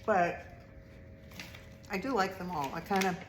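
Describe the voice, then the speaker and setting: A woman's voice: medium pitch, unhurried. Female snack-review host, chatty, munching crunchy food mid-sentence, roomy sound with audible background clicks. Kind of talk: casual taste-test chat. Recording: roomy echo, clear background noise with clicks.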